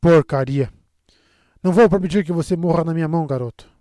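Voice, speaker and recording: A man with a Brazilian Portuguese accent voicing a gruff, commanding older woman healer who barks brusque orders in an audiobook. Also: fairly high pitch, lively intonation, brisk, dark tone, dry recording, clean studio sound, natural voice. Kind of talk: audiobook character reading.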